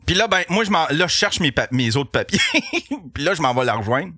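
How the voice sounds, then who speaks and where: A man with a Québécois accent, a podcast host telling a comic story in an animated, profane way and laughing as he goes. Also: fairly high pitch, normal speed, breathy edge, no room sound, studio quality. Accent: Québécois French.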